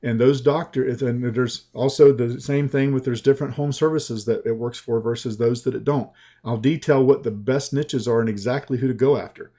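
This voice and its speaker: Speaking as a sales coach, a man with a Southern US accent gives an easygoing, folksy webinar pitch. His delivery is slow and chatty, marked by restarts.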